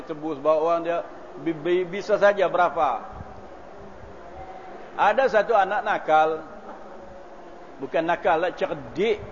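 A man, a religious preacher telling stories in a sermon, often clearing his throat. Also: high voice. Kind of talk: storytelling sermon. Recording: dull lo-fi recording with faint hiss.

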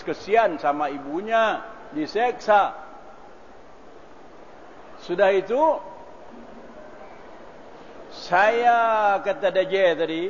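A man, a religious preacher telling stories in a sermon, often clearing his throat. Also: high-pitched. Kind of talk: storytelling sermon. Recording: dull lo-fi recording with faint hiss.

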